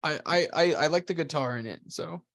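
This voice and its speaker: A man co-hosting a podcast, giving quick, blunt verdicts full of slang in casual chat. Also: fairly high pitch, fairly bright tone, no echo. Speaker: podcast co-host.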